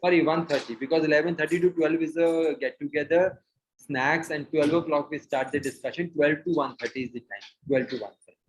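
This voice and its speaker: Man, Indian accent, quick delivery, informal discussion leader, dull call audio with faint noise. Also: a little high, fairly even intonation. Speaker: session leader and speaker. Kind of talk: informal group discussion, mixing Hindi and English. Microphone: video call. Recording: muffled online call with noise and clicks.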